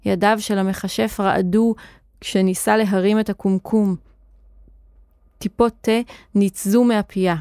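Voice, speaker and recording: A woman narrating a children's story in a clear, expressive reading voice. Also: medium pitch, pauses often, dry recording, clean studio sound.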